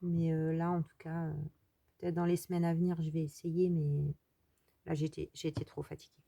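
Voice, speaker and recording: Her somewhat low, gravelly voice stays mellow and fairly flat in pitch as this French-accented crafting host talks at a moderate pace. In a dry recording, she chats casually through the tutorial, musing aloud with fillers that trail off.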